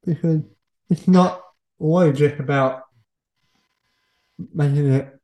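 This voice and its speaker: A man hosting a casual podcast interview in halting, fragmented phrases. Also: on the high side, warm tone, rough recording. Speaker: podcast host.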